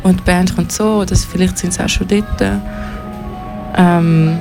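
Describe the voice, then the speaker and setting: A woman's voice: lowish voice, fairly even intonation, measured pace, over music. Chatty young Swiss German woman. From Switzerland. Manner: chatty, rambling explanations. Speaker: guest, booking intern. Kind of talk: casual radio interview.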